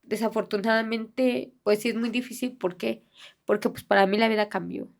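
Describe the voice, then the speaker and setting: A middle-aged woman speaking in a halting, soft-spoken way, with many fillers and restarts, as a bereaved mother giving an interview. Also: a little high, fairly even intonation, gravelly. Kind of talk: personal testimony in an interview.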